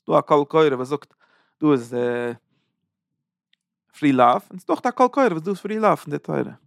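A man's voice: on the high side, lively intonation, normal speed, gravelly, dry recording, clean studio sound. A man giving a Torah sermon, chanting verses in a sing-song and repeating phrases for emphasis. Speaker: preacher giving a Torah talk.

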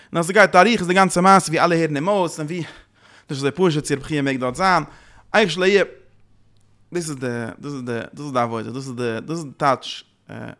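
A man giving a religious teaching in a lively, rambling way, mixing in Yiddish and English words. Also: medium pitch. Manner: lively, mixes Yiddish and English into his talk.

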